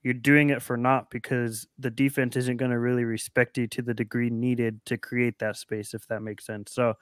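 A man's voice: mid-range voice, little pitch movement, moderate pace, clear, resonant tone, no echo, clean studio sound. A man talking basketball on a podcast video call, thoughtful and explaining at length with frequent restarts. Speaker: podcast co-host. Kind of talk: casual sports talk. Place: home room on a video call.

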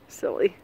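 A middle-aged woman with a mellow voice shoots a casual family vlog on a handheld phone during a neighborhood walk, chatting, laughing often, and calling out to the kids. The recording quality is low.

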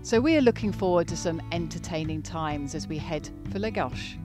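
A woman with a fairly low voice reads a travel voice-over in a calm, wry way. Plucked guitar music plays clearly underneath her. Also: moderate pace. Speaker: vlog narrator. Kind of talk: scripted voice-over narration. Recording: voice-over with loud music bed.

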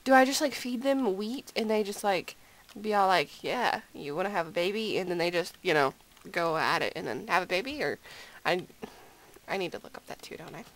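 A woman's voice: medium pitch, expressive, normal speed, rough recording. A sleepy woman giving rambling, giggly, self-deprecating gameplay commentary at home late at night. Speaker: gaming video creator.

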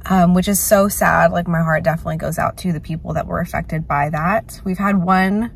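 A woman, chatting to camera in a rambling, self-deprecating vlog, her voice slightly hoarse from a loud night out. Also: fairly low pitch, steady tone, fairly quick, a little hiss or hum. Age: late 20s. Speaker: vlogger. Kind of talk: casual vlog chat to camera.

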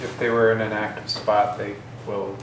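A man calmly explaining how a board game's turn works. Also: fairly low pitch, moderate pace. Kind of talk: explaining board game rules. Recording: echoey room, distant mic, clear noise.

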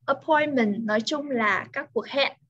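A woman's voice: high-pitched, a little slow, fairly bright tone, highs cut off. A woman with a Vietnamese accent tutoring English, patiently explaining words. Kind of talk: online English lesson.

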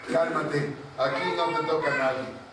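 A man playing a calm, commanding king in a told parable. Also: fairly high pitch, measured pace, heavy background noise, close to an everyday voice. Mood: soothing. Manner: soothing, commanding. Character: calm powerful male king of a palace. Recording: echoey room, far from mic.

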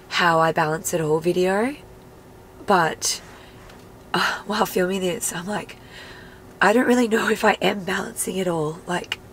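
A woman in her thirties talks straight to the camera from the seat of her car, her voice nasal and stuffed up from a lingering cold. She sits a little low in pitch, with a gravelly edge, and a faint hiss of noise lies under her. She is loose and candid, leaning on "like" as she thinks aloud. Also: rough recording. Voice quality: nasal, congested voice. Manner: chatty, candid, many "like" fillers. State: sick with a cold. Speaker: vlogger and mum. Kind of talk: casual car chat to camera. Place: inside a parked car.

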